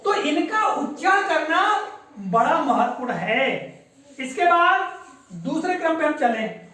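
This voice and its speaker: Woman teacher, high voice, drills children by repetition, distant echoey classroom sound. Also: animated, unhurried, fairly bright tone. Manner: patient, repeats words and quizzes children. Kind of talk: classroom lesson.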